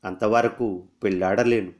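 A heartbroken, lovesick young soldier in a storybook reading, as a male reader voices him. The voice is low and earnest, pleading softly. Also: fairly even intonation, a little slow, lightly acted.

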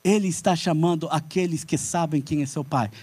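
A man's voice: fairly high pitch, brisk, a little mellow, breathy edge, dry recording. A man with a Brazilian Portuguese accent preaching a sermon, emphatic and repetitive, building to fervent calls and asking "amen?".

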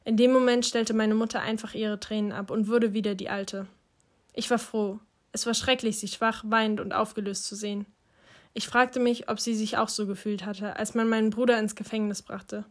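A woman reading a first-person novel aloud in a quiet, subdued way. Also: mid-range voice, fairly even intonation, moderate pace. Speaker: audiobook reader.

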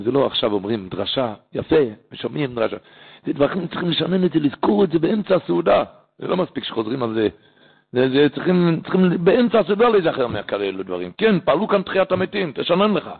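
A gravelly, husky man preaches as a rabbi, his voice sitting fairly high and shooting up when he stresses a point. He tells stories and circles back over his phrases. The recording is thin and tinny, like a phone line. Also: expressive. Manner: impassioned, rises sharply in pitch for emphasis; repeats and restarts phrases while teaching. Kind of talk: holiday sermon with storytelling.

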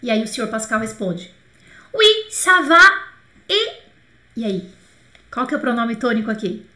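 A woman with a Brazilian Portuguese accent teaching a live online French lesson, chatty and lively, slowly repeating phrases for students to drill. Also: on the high side, roomy sound.

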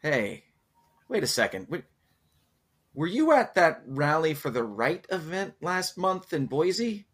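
A man's voice: a little high, big pitch swings, slow, a bit bright, slightly rough, voice pushed up, exaggerated voice. A man playing an awkward, friendly male hired protester who stammers and laughs nervously. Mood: sheepish.

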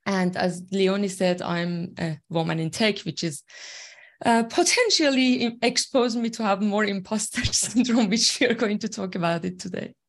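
A woman from Iran, a native Farsi speaker who leads a tech team, appears as a guest in an interview conversation. Her medium-pitched voice moves at a moderate pace as she explains things earnestly from her own experience, using many fillers.

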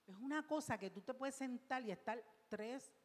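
A woman's voice: a little high, moderate pace, long reverb tail. A woman pastor preaching a sermon in church, emphatic and repetitive, with rhetorical questions.

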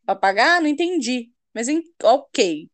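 A young woman with a high voice hosts a casual podcast chat at a measured pace, with a faint hiss or hum in the background. She tells a heated story in an animated way, swearing now and then and acting out what other people said.

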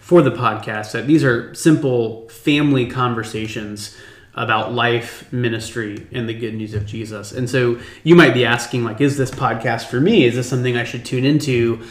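A man's voice: medium pitch, fairly even intonation, moderate pace. A man hosting a casual family podcast, talking earnestly and chattily with frequent restarts, recorded on a makeshift mic that makes him sound as if he were inside a tin can. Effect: tinny sound, as if recorded inside a tin can. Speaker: podcast host. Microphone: temporary microphone, not the usual podcast mic. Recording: tinny echoey room sound from a makeshift mic.

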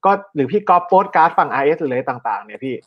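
Chatty higher-voiced man, dull lo-fi sound. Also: expressive, very fast. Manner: chatty, joking, asks long rambling questions. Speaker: podcast co-host. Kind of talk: casual podcast chat.

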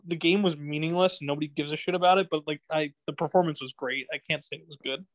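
A man's voice: fairly high pitch, fairly even intonation, quick pace, dry recording, low-quality recording. A young man hosting a casual sports podcast, rambling with restarts and laughing often. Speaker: podcast host.

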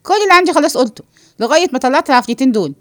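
A woman with a high, animated voice talks very fast, playing a cheeky, joking man with an Egyptian accent in a read-aloud play. The character is carefree while eating and teases and wisecracks at the others. The studio recording is clean, with no room sound.

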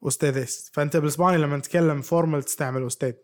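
A man's voice: fairly high pitch, steady tone, very fast. A man chatting as a podcast co-host, playful and quizzing his friend. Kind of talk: casual chat.

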